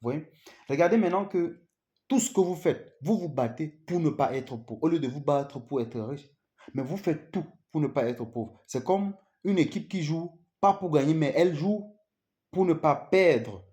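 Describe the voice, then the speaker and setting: A man with a mellow, expressive voice on the high side speaks at an ordinary pace in an improvised motivational talk. Addressing the listener earnestly, he repeats "vous voyez?" ("you see?") and often stammers and restarts.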